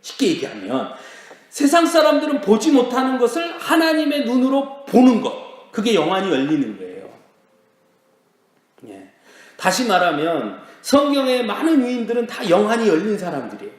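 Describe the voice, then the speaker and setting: A male pastor preaching a sermon, asking his congregation questions and dropping in quick asides. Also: very high voice. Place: church sanctuary. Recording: very echoey church hall.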